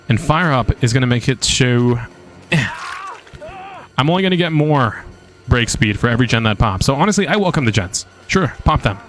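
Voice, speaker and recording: Man, casual gameplay commentary, excitable, swears a lot, mid-pitched voice, faint music underneath. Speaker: game streamer and video creator.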